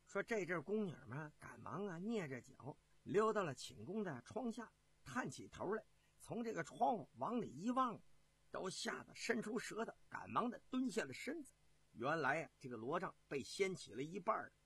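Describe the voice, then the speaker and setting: A man telling a historical tale in a traditional storytelling performance, with animated, chatty asides to his listeners. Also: sits high, moderate pace, husky.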